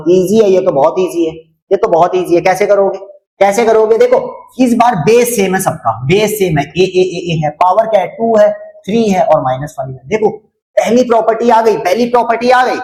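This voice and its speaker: A man's voice: high-pitched, a little mellow. Man w/ hindi accent doing a maths class, repeats every question, playful scolding, roomy echo. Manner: drills students with repeated questions, scolds jokingly. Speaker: maths teacher. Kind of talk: online maths lesson.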